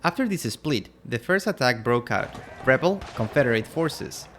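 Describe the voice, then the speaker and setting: A man's voice: medium pitch, animated, moderate pace, fairly bright tone, slight background noise. A man from Ecuador co-hosting a scripted history podcast, reading prepared lines in turns with his co-host.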